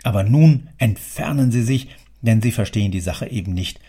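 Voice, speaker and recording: A man voicing a gruff, domineering older male factory owner who scolds loudly and sarcastically. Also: lowish voice, moderate pace. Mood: scolding.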